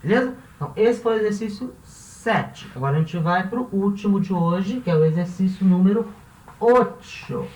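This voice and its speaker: A woman teaches a language lesson in a classroom-style video, speaking fairly quickly with few pauses in a warm, medium-pitched voice. She explains each step patiently and checks in with the class often. The sound is roomy and echoey, her voice distant from the mic.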